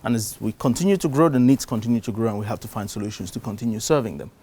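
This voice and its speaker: A middle-aged man from Cameroon giving a live talk to a conference audience. He gets louder to stress his points, then drops down again. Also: on the low side, rapid-fire, slightly rough. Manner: animated, shifts loudness for emphasis. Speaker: conference speaker. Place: conference stage before an audience.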